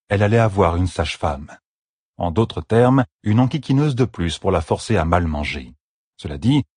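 A man narrating a fantasy novel in a measured, expressive reading. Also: deep voice, slightly rough, dry recording, studio quality. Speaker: audiobook narrator.

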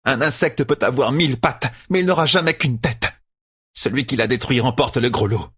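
Guy putting on a vicious witchy woman, higher than his usual voice, husky, snarling and yelling insults. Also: normal speed. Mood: gloating. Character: hateful scheming female sorceress, furious.

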